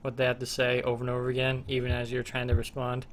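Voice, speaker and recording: Male co-host, mid-range voice, dry quick quips in casual chat. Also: medium pitch, monotone. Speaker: podcast co-host.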